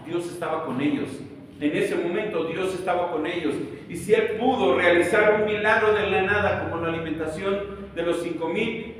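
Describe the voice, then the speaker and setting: In a church sanctuary, a male pastor preaches a sermon emphatically, packing it with rhetorical questions. His high-pitched voice is captured from a distance in an echoey hall, with slight background noise.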